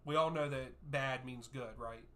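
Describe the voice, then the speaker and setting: Male streamer in his thirties, bright and punchy tone, casual back-and-forth with live chat. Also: mid-range voice, a little slow. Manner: easygoing, reads out chat names and answers at length. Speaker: streamer hosting a soccer watchalong. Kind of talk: live-stream chat, answering viewer questions.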